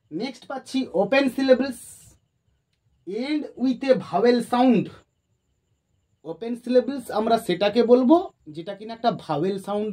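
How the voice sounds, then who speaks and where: A grammar teacher works through a lesson at a board at an unhurried, deliberate pace. Definitions are dictated slowly word by word and then explained. Key terms are repeated with patience. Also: medium pitch, warm tone.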